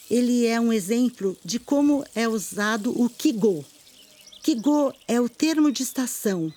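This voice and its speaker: A middle-aged poetry teacher with a Brazilian Portuguese accent and a medium-pitched voice gives a video lesson on poetry. She explains calmly and in a measured way, slowing down when she recites short poems.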